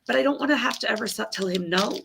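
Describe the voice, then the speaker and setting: A woman's voice: on the high side, rapid-fire, creaky, heavy background noise. A woman in her thirties, a mother and crafter, chatting at length on a video call. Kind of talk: casual video call chat.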